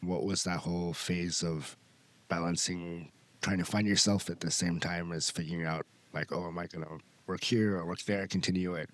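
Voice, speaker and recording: Here a low-voiced American man hosts a podcast, speaking at normal speed with fairly even intonation on a dry recording. He's from the United States and probes with follow-up questions, echoing what his guest has said.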